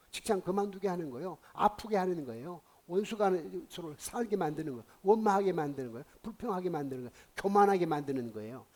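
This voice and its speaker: Preaching a sermon, a male pastor tells a story that swings dramatically from hushed tones to loud outbursts. His voice is fairly high-pitched and slightly rough.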